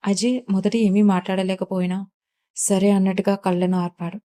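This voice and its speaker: A woman narrating an audio story in a steady, even reading. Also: mid-range voice, moderate pace.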